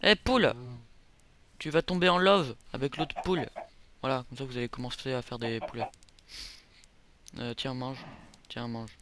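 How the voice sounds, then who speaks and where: This young gameplay commentator speaks in a steady, fairly bright mid-range voice at a normal speed, pausing often. He rambles casually through a let's play, making jokes at his own expense.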